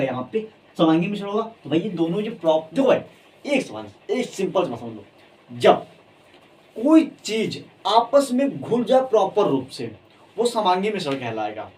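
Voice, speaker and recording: A man teaching a chemistry class in an energetic lecture style, repeating key terms again and again and coaxing his students along. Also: sits high, distant mic, slight background noise, rough recording.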